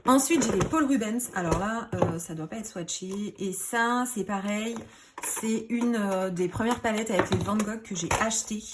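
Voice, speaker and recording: A woman in casual show-and-tell, chatty and rambling, with many fillers, self-corrections and quiet muttered asides. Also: medium pitch, normal speed, heavy background noise. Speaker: craft YouTuber.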